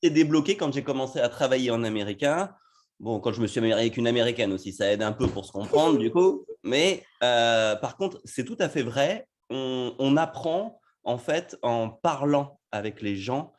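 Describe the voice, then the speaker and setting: A French man on a panel who talks in a lively, self-mocking way. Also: mid-range voice, moderate pace. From France. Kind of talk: panel discussion.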